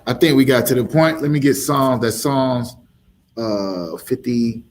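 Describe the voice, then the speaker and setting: A man's voice: medium pitch, unhurried, darkish tone, slight background noise. A man teaching as a street preacher, emphatic and full of rhetorical questions, with laughing asides.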